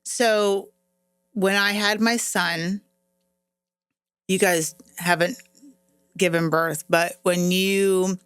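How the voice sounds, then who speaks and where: A middle-aged woman co-hosting a podcast, telling an embarrassing story in a casual, animated way and laughing as she goes. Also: medium pitch, extremely slow, pauses often, smooth, no echo, studio quality, soft background music. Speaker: podcast co-host.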